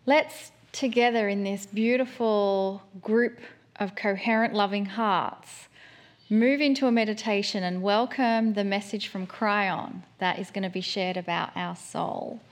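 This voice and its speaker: Brief: female meditation guide, very unhurried, soft and soothing delivery with long pauses. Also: mid-range voice.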